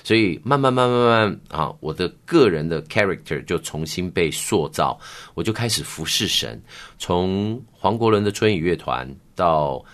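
A middle-aged man with a Taiwanese Mandarin accent, recounting his life story in an interview with earnest, animated emphasis. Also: sits low, moderate pace. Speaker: worship musician, interview guest.

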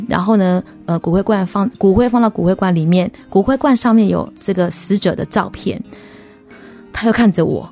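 A woman, a funeral director, telling her experiences in a radio interview in an earnest, emotional way with many pauses and fillers. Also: medium pitch, darkish tone. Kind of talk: personal storytelling in a radio interview.

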